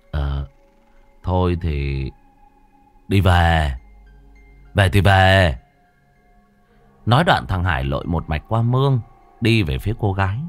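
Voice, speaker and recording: A man narrating a ghost story in a dramatic, expressive way. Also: low-pitched. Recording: faint background music.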